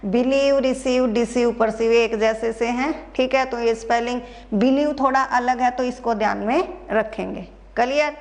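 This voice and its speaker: High-voiced woman teaching, slow and repetitive. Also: fairly even intonation. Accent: Haryanvi Hindi. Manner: spells words letter by letter, repeats answers to students. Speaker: English teacher. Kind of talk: classroom exam-prep lesson.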